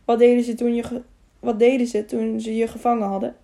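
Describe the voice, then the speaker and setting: A woman's voice: fairly high pitch, flat delivery, fairly quick, creaky, dark tone. A woman reading the part of an earnest young male squire who speaks with urgency.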